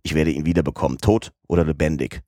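A man reading a storybook, voicing a composed, clipped gentleman of few words. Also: a bass voice, fast talker, no echo, studio quality. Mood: resolute. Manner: calm, clipped and resolute.

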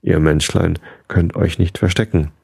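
A man voicing a huge proud dragon that threatens in a slow, booming way. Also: steady tone, vocal fry, a little mellow, breathy edge, no echo, studio quality, heavily acted. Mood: menacing. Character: huge proud male dragon, thundering and menacing.

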